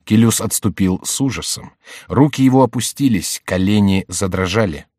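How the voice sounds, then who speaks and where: A man narrating an adventure novel in a measured, dramatic reading. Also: fairly low pitch, a little mellow, no echo, clean studio sound. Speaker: audiobook narrator. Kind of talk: scripted narration.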